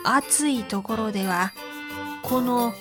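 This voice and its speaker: A woman voicing a kindly, poor old male painter who speaks in an old man's gentle, pleading way. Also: a little high, slow. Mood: warm. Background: faint music.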